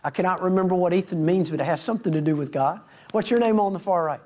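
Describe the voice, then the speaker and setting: Delivering a storytelling sermon, this middle-aged preacher spins homespun tales for his congregation and voices the characters himself. He speaks quickly in a high, slightly mellow voice.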